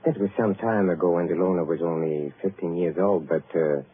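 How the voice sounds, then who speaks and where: An actor playing a suave, sinister count who tells dark tales of his accursed family, in 1940s radio acting style. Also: a little fast, slightly rough. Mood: ominous. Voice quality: deep and theatrical, with sly chuckles. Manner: suave storytelling turning darkly ominous. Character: sinister aristocratic count, old accursed family, menacing host. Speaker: count, lord of a chateau. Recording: tinny old radio broadcast.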